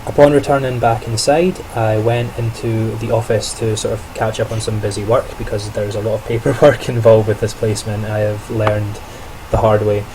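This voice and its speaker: A young trainee teacher talks through his day in a casual video diary, chatty and reflective, often correcting himself and laughing a little. His voice is on the low side and flat, moving at a moderate pace with few pauses, and there's background noise.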